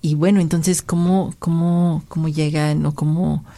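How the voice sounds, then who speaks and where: A woman's voice: sits low, level tone, measured pace, warm tone. A woman hosting an interview, asking long, winding questions padded with filler sounds. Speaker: interview host.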